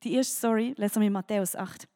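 A woman with a Swiss German accent preaching a sermon to a young audience, telling a story in a lively way and speaking directly to her listeners. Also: mid-range voice, fast talker.

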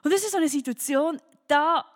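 A woman with a Swiss German accent delivers a sermon in a bright, high voice. She tells the story vividly and keeps turning to her listeners as if chatting with them. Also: a little fast. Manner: lively storytelling, speaks directly to listeners. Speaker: preacher. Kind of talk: sermon to a young audience.

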